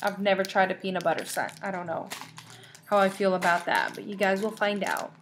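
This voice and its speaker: A woman's voice: medium pitch, fairly even intonation, fairly quick, slight background noise. A young woman casually chatting to viewers in a rambling, bubbly way while reading out product names one by one. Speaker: vlogger showing wax melts. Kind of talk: casual chatty haul vlog.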